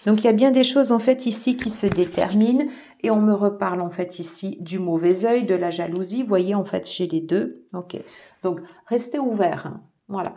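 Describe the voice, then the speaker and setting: A woman giving a casual tarot reading to her viewers, soft-spoken and peppered with fillers like "voilà" and "alors". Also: medium pitch. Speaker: tarot reader.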